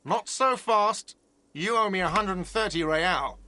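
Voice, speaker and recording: A man's voice: sits high, animated, unhurried, bright, forceful tone, exaggerated voice. An actor voicing a whiny, irritable male cafeteria manager in a video game who talks defensively.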